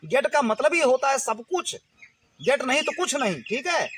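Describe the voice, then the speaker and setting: A man teaching a spoken English lesson in an energetic, repetitive, coaxing way. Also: very high-pitched, normal speed, slight background noise.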